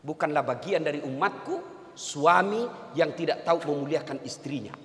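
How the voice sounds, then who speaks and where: A man's voice: fairly high pitch, normal speed, a bit bright, long reverb tail, a little hiss or hum. A male preacher giving a humorous sermon, speaking straight to the men in his audience. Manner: jokey, addresses the men in the audience directly.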